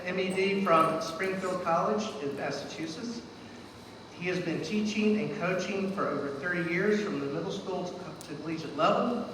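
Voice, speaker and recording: A man presenting at a ceremony, reading an induction speech in a joking way and stumbling now and then as he reads. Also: high-pitched. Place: event hall indoors. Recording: echoey hall from far off, noisy.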